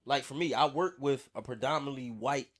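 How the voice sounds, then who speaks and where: A man's voice: mid-range voice, a little fast, a bit bright. A young man speaking in a casual podcast discussion. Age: young adult.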